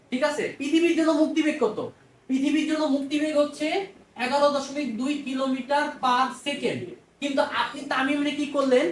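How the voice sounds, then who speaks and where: A high-pitched woman with a Bangladeshi Bengali accent explains physics in a casual, talkative lecture. She repeats her phrases and answers her own questions. Her voice sits a little away from the mic in an echoey room. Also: far from the mic, slight background noise. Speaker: physics teacher. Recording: roomy echo, off-mic.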